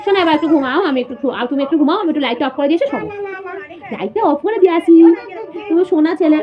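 Young woman, high voice, sing-song baby talk to a toddler, dull lo-fi phone recording, noise behind. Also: lively intonation, racing. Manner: sing-song, cooing and teasing. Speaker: mother talking to her little son. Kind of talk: playful baby talk at bedtime. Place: bedroom at night.

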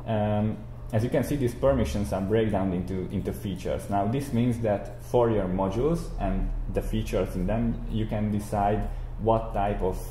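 This tutorial instructor, a low-voiced young man, explains software in a screencast lecture at a moderate pace with few pauses and a mellow sound. He's in an indoor room beside a screen recording, with roomy echo and audible background noise.

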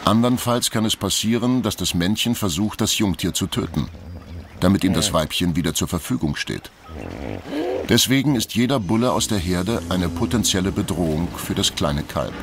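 A man reading scripted nature documentary narration in a measured, factual storytelling manner. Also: low-pitched, background noise.

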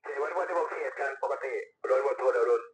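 A man's voice: medium pitch, rapid-fire. A male police officer making a formal report over a walkie-talkie radio, in clipped, procedural phrasing.

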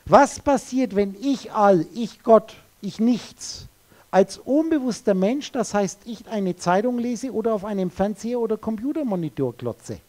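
A man's voice: high-pitched, animated, unhurried, darkish tone. A man giving a spiritual lecture to an audience. He is blunt and provocative, uses crude words and speaks straight to his listeners. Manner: addresses listeners directly.

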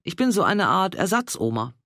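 A woman's voice: on the low side, very animated, moderate pace, fairly bright tone, no room sound, clean studio sound, pitched above the performer's own voice. A man voicing a friendly older woman, a neighbor, speaking plainly and matter-of-factly in an audiobook.

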